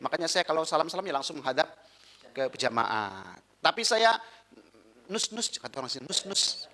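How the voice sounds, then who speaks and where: Lively imam, high bright voice, storytelling religious lesson. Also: male voice, moderate pace, rough recording. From Indonesia. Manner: lively storytelling, drops into other people's voices. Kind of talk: religious study talk.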